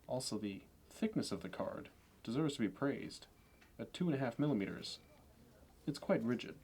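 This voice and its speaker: A man playing Patrick Bateman as a smooth, obsessive, status-minded banker in an ASMR roleplay, polished, meticulous and condescending. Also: mid-range voice, animated, normal speed, a little mellow. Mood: fastidious, appraising.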